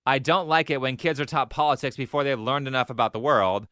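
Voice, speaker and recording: A man's voice: mid-range voice, brisk, pushed and bright, no room sound, clean studio sound. A man delivering scripted opinion commentary in an assertive, lecturing way. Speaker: commentator in the reacted video.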